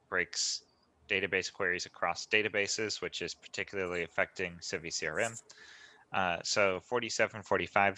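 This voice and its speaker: Deep, bright-toned man on a call. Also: no echo. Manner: methodical, detailed, hesitant fillers. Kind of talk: online meeting chat.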